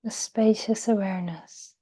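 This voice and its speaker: Gentle and soothing, a female meditation guide speaks in a near-whispered, breathy tone at mid-range pitch. Her intonation stays fairly even, and she leaves long pauses throughout the guided meditation.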